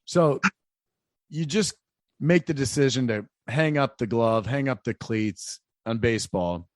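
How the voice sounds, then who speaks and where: A man's voice: medium pitch, a little slow, no echo, clean studio sound. A man hosting a casual interview, eagerly cutting in with questions. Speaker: podcast host.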